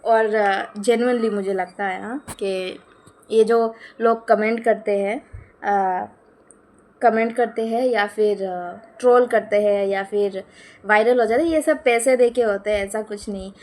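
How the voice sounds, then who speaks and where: A woman's voice: mid-range voice, steady tone, a little slow, darkish tone. A young woman vlogging casually at home, rambling and giggling between thoughts, filling gaps with "uh" and "um", recorded on a phone camera. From West Bengal, India. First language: Bengali. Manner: chatty, giggly, rambling with many fillers. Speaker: lifestyle vlogger. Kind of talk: casual vlog chat.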